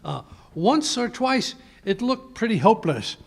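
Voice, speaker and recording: A man playing a flustered, bumbling older gentleman doctor with a hesitant, stammering delivery in a live radio play. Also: high voice, big pitch swings, measured pace, creaky, exaggerated voice. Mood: flustered, reminiscing. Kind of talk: live recreation of 1940s radio drama.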